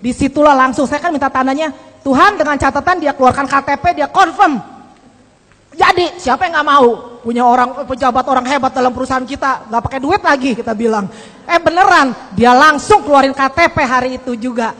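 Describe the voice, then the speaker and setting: A woman giving a lively sermon testimony to a congregation, acting out the voices in her story. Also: high voice, a little fast. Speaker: church speaker giving testimony. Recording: long hall reverb.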